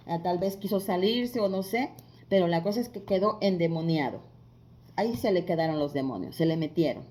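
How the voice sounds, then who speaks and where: A woman teaching a devotional Bible lesson in a conversational way, asking listeners rhetorical questions and pausing on filler sounds. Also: medium pitch, darkish tone. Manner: frequent filler pauses.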